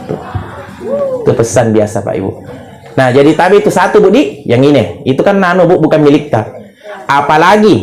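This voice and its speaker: A middle-aged man with a Makassar accent giving a humorous condolence sermon, telling jokes and acting out the dialogue in his stories. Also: fairly high pitch. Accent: Makassar Indonesian. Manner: joking storyteller acting out dialogue. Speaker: preacher.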